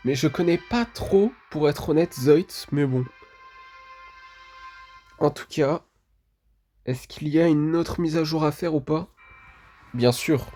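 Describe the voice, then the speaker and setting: Guy doing chill game commentary, slow and hesitant, lots of fillers, faint music behind. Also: a little high, mellow. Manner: hesitant, full of "du coup" fillers. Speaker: gaming video creator. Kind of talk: casual gameplay commentary.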